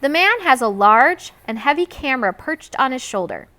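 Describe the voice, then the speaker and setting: A woman reads a children's book aloud at a moderate pace, narrating like a storyteller in a bright, slightly high voice with lively, expressive pitch movement.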